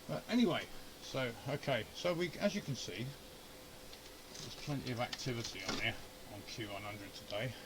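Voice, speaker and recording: An amateur radio hobbyist and video host demonstrates equipment in his home radio shack, speaking informally at medium pitch and moderate pace. He grumbles and mutters while troubleshooting, thinking aloud unscripted, with heavy background noise around him.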